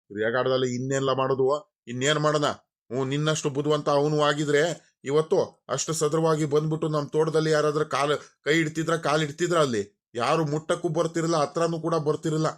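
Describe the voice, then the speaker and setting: Voicing a cartoon character, a man plays an angry and worried village father, a middle-aged landowner who scolds, grumbles and says things more than once. His voice sits on the high side, a little fast with fairly even intonation, close to how he'd normally talk.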